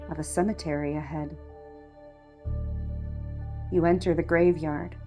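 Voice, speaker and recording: A woman with a low-sitting voice narrates a scripted guided meditation, leading the listener in a calm, measured, hushed manner.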